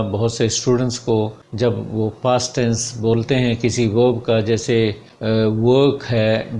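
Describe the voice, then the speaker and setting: A man teaching English phonetics to students, slowly drilling example words one by one. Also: medium pitch, darkish tone. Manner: addresses students directly as dear students. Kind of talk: classroom explanation in Hindi with English terms.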